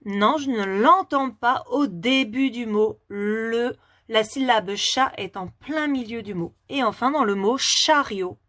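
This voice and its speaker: A woman teaching a phonics lesson to young children, asking questions patiently and clearly articulating each word. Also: a little high, slow, a bit bright, no room sound, clean studio sound.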